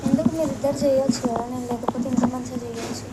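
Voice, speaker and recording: A woman with a Telangana Telugu accent, calmly and firmly explaining a decision in a casual vlog. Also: high voice, very fast, heavy background noise. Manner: calm, firm, explaining. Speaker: vlog team member.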